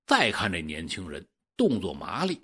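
A man narrating a folk ghost story in an animated storyteller's manner. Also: sits low, moderate pace, slightly rough. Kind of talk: oral ghost-story telling.

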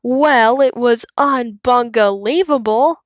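A woman voicing an excitable young male honey badger from a storybook, loud and shrill. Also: slow pace, no room sound, studio quality. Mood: excited. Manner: loud and shrill, shouting gleefully.

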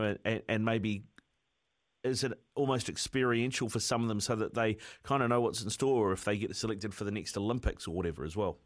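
A man with a New Zealand accent hosting a casual sports interview, matey and rambling in his questions. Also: fairly low pitch. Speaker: radio sports host.

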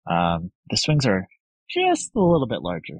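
A man telling a casual story as a podcast guest, laid-back, often laughing and mimicking others in a higher voice. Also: huge pitch swings, normal speed, breathy edge, no room sound, poor audio. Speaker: podcast guest, blackjack player.

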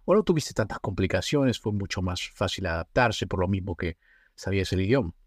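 A man's voice: low-pitched, expressive, fairly quick, slightly rough, no echo, clean studio sound. A man hosting a podcast interview, rambling and rephrasing, often tagging on "¿no?". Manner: rambling, rephrasing, tag questions like "¿no?". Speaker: podcast host. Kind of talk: casual interview conversation.

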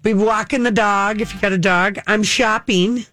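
A woman's voice: medium pitch, steady tone, moderate pace, fairly bright tone, dry recording. A woman co-hosting a radio show with casual talk and banter.

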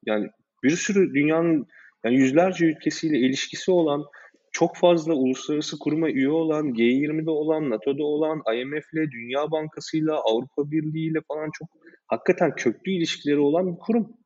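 A man hosting a casual discussion, explaining in a measured way with hesitant fillers. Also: on the high side, darkish tone, highs cut off. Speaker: host.

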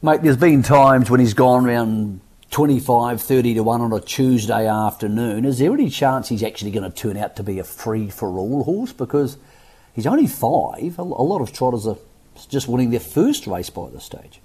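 An Australian man with a dark, slightly rough voice hosts sports radio. He is chatty and matey as he interviews racing guests in a casual style. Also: mid-range voice, animated, normal speed.

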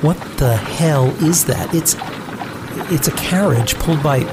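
A woman's voice: deep voice, a little slow, over music. A woman voicing a cursed young man who is shaken, guilt-ridden and stammering.

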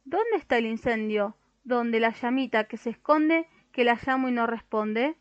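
A woman's voice: on the high side, animated, normal speed, dry recording, muffled recording, lightly acted. A woman doing a fussy rhyming fireman. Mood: puzzled. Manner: rhyming, fussy and easily scared. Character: flustered, timid male firefighter who talks in rhymes.

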